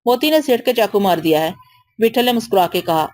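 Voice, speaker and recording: A woman reading an audio novel aloud as narrator, keeping one steady voice for all the characters. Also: medium pitch, a little fast, no echo.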